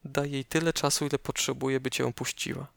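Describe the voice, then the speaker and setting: A man narrating a guided meditation slowly and calmly, giving measured instructions with pauses, close up as if right in your ear. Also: mid-range voice, vocal fry, dry recording.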